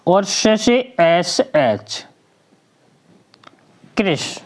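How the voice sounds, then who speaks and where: This woman speaks fairly low, stretching her words and swinging her pitch widely. She's giving a slow classroom spelling lesson, patiently sounding out letters one at a time and supplying answers to the questions she poses.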